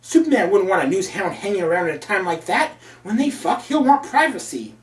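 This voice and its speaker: A man voicing an exasperated young female reporter with quick, indignant retorts, recorded in a roomy space away from the mic. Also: high-pitched, very animated. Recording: roomy, from a distance.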